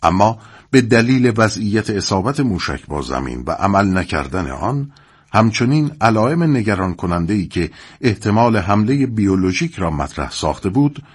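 A man narrating a drama recap in a very deep, husky voice. His delivery is scripted and measured, yet his pitch moves lively through each sentence. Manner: measured storytelling. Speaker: narrator summarizing a drama episode.

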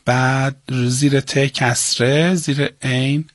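A male teacher giving a lesson and dictating to students, chanting syllables slowly and spelling them out. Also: mid-range voice, steady tone, no echo. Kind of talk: classroom lesson on Persian prosody.

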